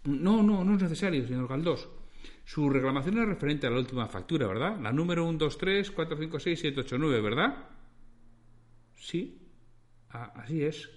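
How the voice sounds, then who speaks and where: A man's voice: a little high, animated, normal speed, lightly acted. A man voicing a polite, composed male call-centre operator who speaks formally and reassuringly. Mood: courteous.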